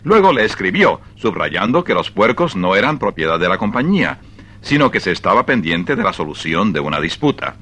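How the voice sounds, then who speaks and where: A male narrator performs a scripted radio-theatre story in a low voice with a bright, forceful edge. His animated delivery swings widely in pitch, runs a little fast, and carries a breathy quality.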